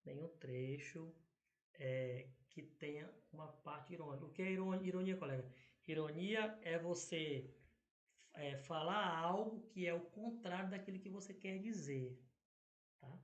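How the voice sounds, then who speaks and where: Brazilian guy teacher, kinda high voice, keeps saying "tá?" and "né?", roomy echo. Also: unhurried. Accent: Brazilian Portuguese. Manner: filler-heavy, frequent "tá?" and "né?" checks. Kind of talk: exam question walkthrough.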